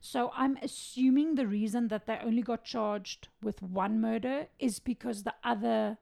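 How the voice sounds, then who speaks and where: A woman's voice: fairly high pitch, fairly even intonation, moderate pace, gravelly, mellow. A young woman co-hosting a casual true crime podcast, giggly, switching between reading case notes and chatting. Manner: giggly, reads case notes then chats. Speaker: podcast co-host.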